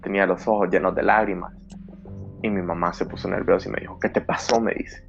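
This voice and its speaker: Man, very low voice, dramatic storyteller, dull lo-fi sound, faint music. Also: little pitch movement, fast, creaky. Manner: dramatic storyteller who acts out his own fearful past self. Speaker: podcast host. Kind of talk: recounting a personal scary story.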